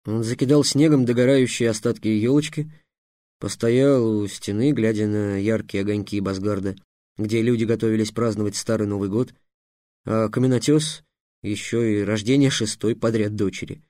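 A man narrating an audiobook in an expressive storytelling manner. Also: fairly low pitch, moderate pace, dry recording, clean studio sound. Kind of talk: scripted narration.

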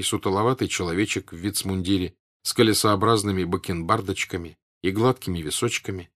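Low-voiced man reading a novel. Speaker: narrator. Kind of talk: literary audiobook reading.

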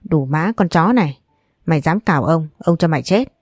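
A woman reading the lines of a crude, menacing drunken older man in a storybook, voicing his coarse, vulgar threats in a low, mellow voice. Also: animated, normal speed, dry recording, studio quality. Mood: snarling.

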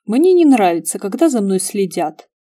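A composed young man who explains things plainly and without fuss, as a woman reader puts him on. Her tone stays mellow and even for him, audiobook style. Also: medium pitch, normal speed. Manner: calm, matter-of-fact. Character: calm, handsome young man.

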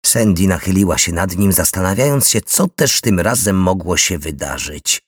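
A man reading a novel aloud in a steady, measured storytelling voice. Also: sits low, no room sound, studio quality. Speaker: audiobook narrator. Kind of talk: scripted narration.

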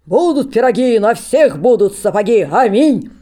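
A woman voicing a wild old holy-fool monk who shouts fierce rhyming prophecies at everyone in a storybook reading. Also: very high-pitched, lively intonation, normal speed, pitched above the performer's own voice. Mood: fierce shouting. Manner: shouts in rhyming sing-song outbursts.

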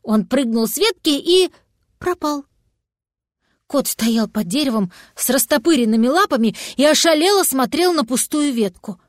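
A woman narrating a children's storybook in a lively, expressive way. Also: sits high, normal speed, hardly any pauses, dry recording, studio quality. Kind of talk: storybook reading.

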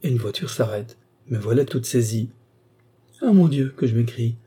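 A man's voice: mid-range voice, steady tone, brisk, dark tone, husky. A man voicing a chatty old female country servant, telling her story in a breathless, exclamatory way, for an audiobook. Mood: gossiping.

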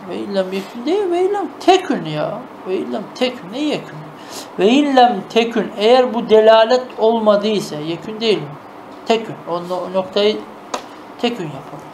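A man teaching a traditional madrasa-style lesson. He reads classical Arabic phrases, then explains them patiently with quick rhetorical questions and often checks that his students follow. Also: high voice, slight background noise.

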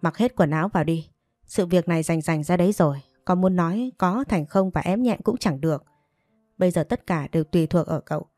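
A woman's voice: lowish voice, a little fast, mellow, no echo, clean studio sound, soft background music, lightly acted. A woman voicing a stern, angry male provincial mandarin who threatens and stresses each word. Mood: stern threatening.

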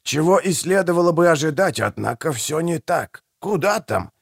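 A man doing a gravelly toothless old trader. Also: a little high, lively intonation, moderate pace, no echo, clean studio sound, pitched above the performer's own voice, exaggerated voice. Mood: wheedling. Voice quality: gravelly, husky. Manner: fawning, conspiratorial, sing-song patter. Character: toothless old male street trader, wheedling and theatrical. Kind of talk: audiobook character voice.

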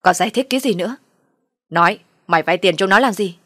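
A woman voicing a furious older father-in-law who shouts at his son. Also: mid-range voice, fast, dry recording, studio quality, lightly acted. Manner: loud angry shouting.

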